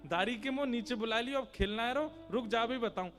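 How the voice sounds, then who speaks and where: A man's voice: very high voice, brisk, a bit bright, voice pushed up. A mischievous young boy god teases in a raised, lilting rustic voice, as a male storyteller puts him on. He is playful and cheeky. Faint music hums behind him. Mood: teasing. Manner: teasing, in rustic village dialect.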